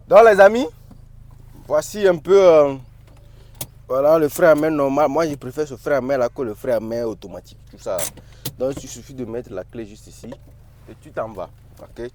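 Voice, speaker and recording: A man's voice: medium pitch, darkish tone, a little hiss or hum. A man with a Cameroonian accent, chatting and joking through a casual car review while driving. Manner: chatty and joking, shows features as he goes. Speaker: car vlogger.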